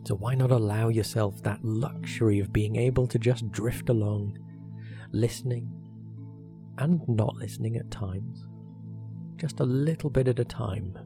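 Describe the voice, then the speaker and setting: A man leading a guided hypnosis meditation as a relaxation therapist, speaking in a soothing, measured way with short phrases and pauses. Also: medium pitch, vocal fry. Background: meditation music.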